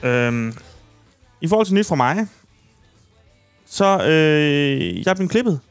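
A man's voice: on the high side, very animated, smooth, faint music behind. A man co-hosting a podcast, telling crude, rambling stories in casual chat with lots of hesitation. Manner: rambling, crude storytelling with many fillers. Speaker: podcast co-host.

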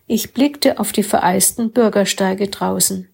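A woman reading a first-person story aloud with calm, steady narration. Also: mid-range voice, unhurried, gravelly, slightly rough. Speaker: story reader.

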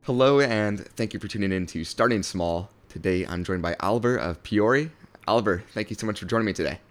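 Low-voiced male podcast host. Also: fast. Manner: polite, scripted intro then brief encouraging replies. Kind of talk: podcast interview.

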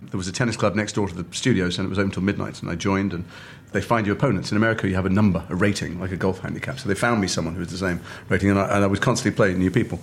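Fast-talking English storyteller man. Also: deep voice, vocal fry, slight background noise. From England. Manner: lively storyteller, acts out other people's lines. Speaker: actor telling stories at a lunch chat. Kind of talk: casual chat, animated anecdote. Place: restaurant table.

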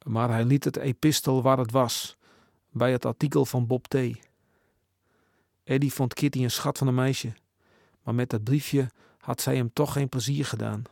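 A man narrating a storybook in a measured, expressive way. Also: mid-range voice, vocal fry, no room sound, studio quality. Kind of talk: storybook reading.

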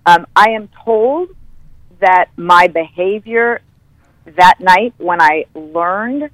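A woman football analyst telling stories as a podcast guest, animated and stopping to correct herself. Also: fairly low pitch, slow pace, no room sound, low-quality recording. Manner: animated storyteller, corrects herself mid-sentence. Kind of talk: podcast interview.

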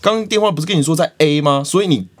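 A man co-hosting a podcast in a relaxed, joking way, with many short replies. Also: on the high side, racing. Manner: relaxed, brief back-channel replies, joking. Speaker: podcast co-host. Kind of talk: casual chat.

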